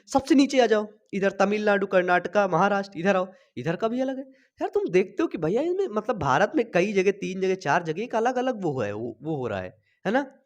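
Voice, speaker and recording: Young male biology tutor, high-pitched, chatty, pacing himself after a cough. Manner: chatty, checks in constantly with "thik hai". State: recovering from a cough, speaking slowly. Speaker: biology teacher. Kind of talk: online class lecture. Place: small home studio. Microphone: sensitive desk mic.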